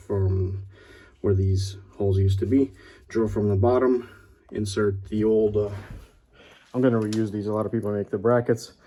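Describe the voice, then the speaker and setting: Laid-back man with a mellow, low voice. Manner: relaxed, rambling, many ums and uhs. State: out of breath at times. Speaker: garage channel host. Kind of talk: casual how-to vlog. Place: home garage workshop.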